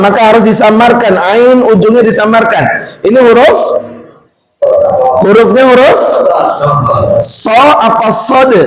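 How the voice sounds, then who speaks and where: High-voiced, slow teacher. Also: male voice. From Indonesia. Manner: patient, questions the class, drills letter sounds slowly. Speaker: Quran recitation teacher. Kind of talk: classroom tajwid lesson. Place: classroom or mosque hall with a group of students. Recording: echoey room with murmuring group.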